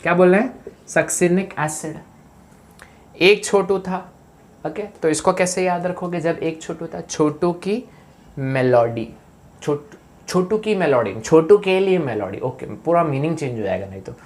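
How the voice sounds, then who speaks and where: A man's voice: a little high, expressive, measured pace. A man giving a live online chemistry lecture. He keeps asking students questions and makes up joking memory tricks. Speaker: chemistry teacher. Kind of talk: live online lecture mixing Hindi and English.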